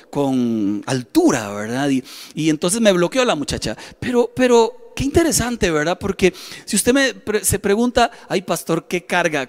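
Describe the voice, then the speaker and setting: Middle-aged Costa Rican pastor, high voice, storytelling sermon with lots of repetition. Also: male voice. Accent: Costa Rican Spanish. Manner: storytelling, repeats phrases, acts out inner voices.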